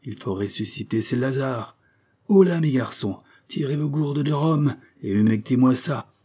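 A man voicing a gruff, bold old sea captain who barks orders in rough sailor slang. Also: medium pitch, measured pace, mellow, voice pushed up. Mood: gruff, bossy.

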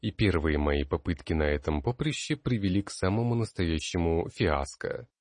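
A man narrating an audiobook in the first person with expressive storytelling. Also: sits low, moderate pace, dry recording. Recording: dry close studio sound.

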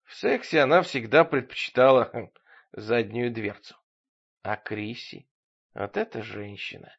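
A man narrating an audiobook with ironic, expressive storytelling. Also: medium pitch, a little slow, gravelly, husky. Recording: dull lo-fi audio.

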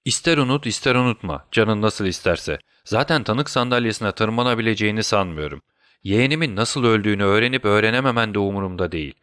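A man's voice: fairly low pitch, animated, fast talker, fairly bright tone, clear, resonant tone, no echo, clean studio sound. A man voicing a scheming, mocking villain doctor in a storybook reading, gloating and taunting.

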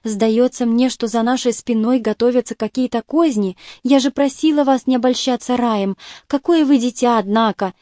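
A woman's voice: a little high, normal speed, mellow, dry recording, clean studio sound, lightly acted. A woman voicing an anxious young noblewoman.

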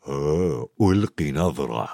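A man voicing a large, gruff, secretive half-giant groundskeeper, speaking low and hushed in a storybook reading. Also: a little fast, no echo, clean studio sound. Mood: hushed, wary.

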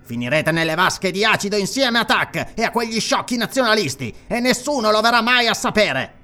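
A man's voice: high voice, sing-song, brisk, bright, forceful tone, voice pushed up, full character voice. A man voicing a sly, mocking, treacherous priest in an audiobook, with a sneering, ironic delivery. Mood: gloating.

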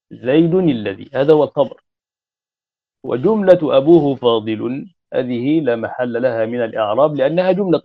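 Male grammar teacher, deliberate repetitive classroom lecturing, muffled lo-fi audio. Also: mid-range voice, no room sound. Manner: repeats and spells out word forms deliberately. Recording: dull lo-fi recording.

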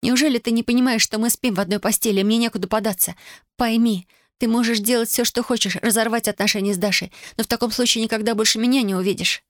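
A woman's voice: mid-range voice, steady tone, normal speed, no echo, clean studio sound, close to an everyday voice. A woman doing a torn, pleading teenage girl. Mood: heated.

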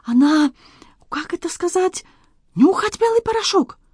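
An eager, kind-hearted Frenchman with a French accent, voiced by a woman reading an audiobook, pitched high above her own voice and bouncing around animatedly. He speaks hastily in broken phrases. The sound is dry and close. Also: expressive, measured pace, a little mellow, no room sound. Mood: earnest. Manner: broken grammar, eager, hasty. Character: flustered kind-hearted Frenchman, adult man. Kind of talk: audiobook character voice.

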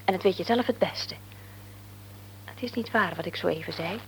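In a radio play, an actress portrays a middle-aged mother and wife, devout, gentle but firm in her faith, who pleads and often drops to a whisper. Her natural voice sits on the low side at a moderate pace, and the low-quality recording carries a little hiss or hum.

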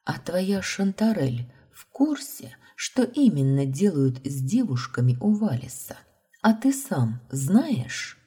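A woman's voice: sits low, very animated, slow pace, mellow, slightly rough, pitched above the performer's own voice, heavily acted. A woman reading the lines of a desperate, heartbroken young heroine, pleading and tearful. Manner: pleading, tearful, rising to outbursts.

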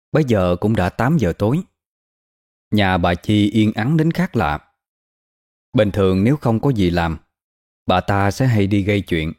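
A man narrating a scripted horror story in a steady, measured way. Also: on the low side, no room sound, studio quality.

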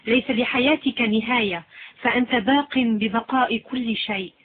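A calm mystic seer speaks with slow, solemn certainty, as a woman reads her part. The voice sits fairly high. The sound is thin and lo-fi, like a phone line. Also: breathy edge.

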